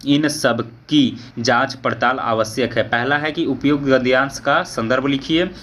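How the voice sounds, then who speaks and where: A male teacher going through an exam paper, reading each question aloud, slowing down for the verse passages and often checking in with an "okay". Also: medium pitch, steady tone, a bit bright, a little hiss or hum. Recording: dull lo-fi audio.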